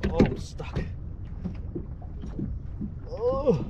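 An Australian man in his forties, a fishing vlogger, chats excitedly to viewers in casual running commentary as he fishes from a kayak on an open bay. His voice is very high and very slow, and the lo-fi audio comes from an action camera mounted on the kayak, with wind and water noise all around.

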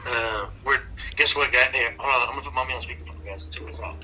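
A man's voice: medium pitch, fast, sharp tone, faint music behind, low-quality recording. A man talking casually on a call, his voice coming through a phone speaker, teasing and defensive. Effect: heard through a phone speaker. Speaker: husband on a video or phone call. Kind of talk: casual chat.

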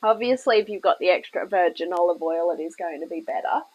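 Her voice is lowish and husky, and she talks quickly as she demonstrates a recipe at her kitchen table. This New Zealand cooking host stays chatty and reassuring despite lingering illness and occasional coughs, while the audio loses its highs.

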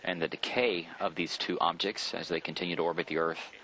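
A man giving live spaceflight commentary from mission control in a measured, informative, matter-of-fact manner. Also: sits low, steady tone, sharp tone, low-quality recording. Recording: faint background noise on broadcast feed.

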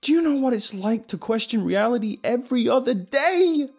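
A man voicing a paranoid young man who shouts frantically. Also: extremely high pitch, animated, moderate pace, creaky, breathy edge, soft background music, voice pushed up, exaggerated voice. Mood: panicked.

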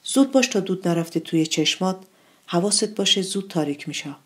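A woman voicing a busy, protective mother with a husky voice, speaking firmly. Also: fairly low pitch, expressive. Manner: firm, protective. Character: busy caring mother baking bread, middle-aged.

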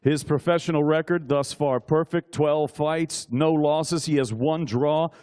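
A middle-aged man announcing formally like a lucha libre ring announcer, with emphatic showman introductions and drawn-out names, speaking into a handheld microphone on an indoor stage. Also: fairly high pitch, fairly even intonation, a little mellow. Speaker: ring announcer, master of ceremonies at a boxing weigh-in. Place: indoor weigh-in stage with backdrop.

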